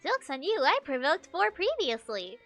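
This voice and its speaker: A woman's voice: high voice, sing-song, normal speed, a bit bright, faint music behind. A woman streamer giving casual, joking commentary while playing a game, often giggling.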